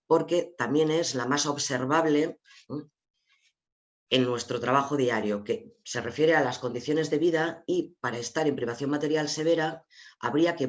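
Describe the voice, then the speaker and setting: A man with an Asturian Spanish accent walks his viewers through charts in an online seminar, calm and explanatory. His voice sits at an ordinary middle pitch. The call audio comes through dull and lo-fi. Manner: explanatory, addresses viewers directly, sharing slides. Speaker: webinar presenter.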